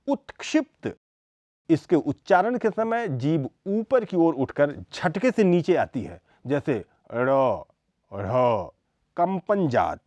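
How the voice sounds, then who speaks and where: A man giving a scripted lesson on speech sounds, reading them out one by one in a slow, deliberate way. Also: a little high, a little mellow, no room sound. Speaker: lecturer. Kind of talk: scripted educational lecture.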